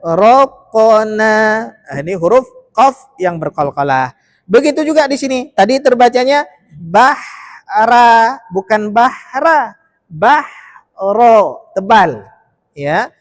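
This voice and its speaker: A man's voice: high voice, big pitch swings, unhurried, long pauses, no echo. A male teacher in a mosque leading a Quran recitation lesson with an Acehnese Indonesian accent, correcting pronunciation letter by letter and chanting verses for his students to repeat.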